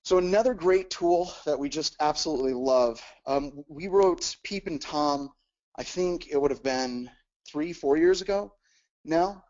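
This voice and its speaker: A man's voice: fairly high pitch, unhurried, darkish tone, highs cut off. A man teaching in a technical webcast, explaining step by step with frequent "uh"s and repeated words. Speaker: webcast instructor.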